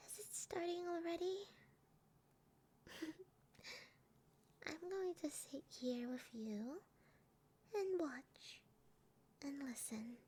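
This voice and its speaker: A woman voicing a sweet, eerily obsessive, sadistic young lover in a breathy, girlish ASMR role-play. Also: high voice, animated, takes it slowly, pauses often, dark tone. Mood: gloating, cooing.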